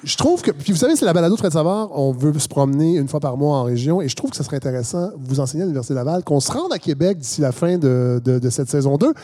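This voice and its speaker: Mellow Québécois man hosting a podcast. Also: fairly high pitch, lively intonation, fast, few pauses. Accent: Québécois French. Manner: casual, affirming interviewer. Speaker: podcast host. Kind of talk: podcast conversation.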